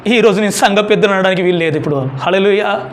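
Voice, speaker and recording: A man's voice: high voice, fast, natural voice. A man preaching voices a repentant male prophet confessing his unworthiness in a pleading tone. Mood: pleading lament.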